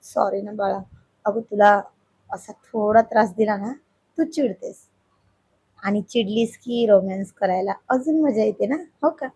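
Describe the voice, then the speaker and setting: A woman voicing a playful, teasing young husband in a storybook reading, in a husky voice. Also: medium pitch, unhurried, warm tone, dry recording. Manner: teasing, coaxing.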